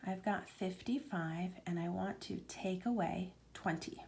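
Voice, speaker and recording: A woman math teacher talking slowly through a homework lesson, explaining each step as she writes and sometimes dropping to a near whisper. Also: fairly low pitch, gravelly, a little mellow. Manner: slow, step-by-step explaining while writing.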